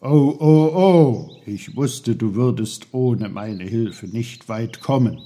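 A man's voice: mid-range voice, lively intonation, slow, mellow. A man voicing a fussy, know-it-all little uncle who lectures a boy. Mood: lecturing. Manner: busy, lecturing.

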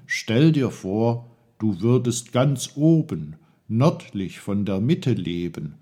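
Kindly teasing storybook mentor, slow and mellow, read by a man. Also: fairly low pitch, sing-song, husky, full character voice. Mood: patient. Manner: patient, explaining, teasing. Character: kindly playful wise male guide.

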